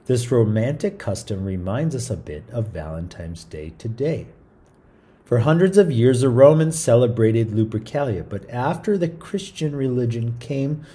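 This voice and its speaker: With a medium-pitched, warm voice, a man hosts a story time and reads a picture book aloud. His delivery is informal and chatty, with small stumbles and asides along the way.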